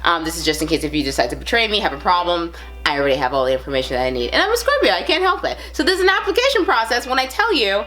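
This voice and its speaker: Very fast and very animated, a woman with a lowish, fairly bright voice vlogs to camera over soft background music. In her thirties and from the Bronx, New York, she has a Brooklyn accent and rambles casually, full of fillers and self-amused laughs.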